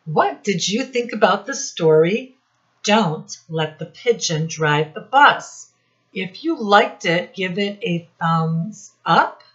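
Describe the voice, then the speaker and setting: Speaking from her home office classroom, this American teacher with a low voice hosts storytime for young children, taking it slowly in an expressive, slightly bright way. She instructs, poses questions and talks straight to her listeners over lo-fi audio.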